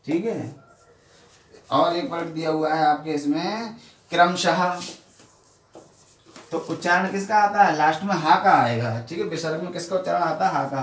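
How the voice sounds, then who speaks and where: A man's voice: a little high, fairly bright tone, distant mic, a little hiss or hum. A man teaching a Hindi grammar lesson with a Badaun accent, asking questions and then answering them himself. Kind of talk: classroom lesson. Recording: echoey room, voice off-mic.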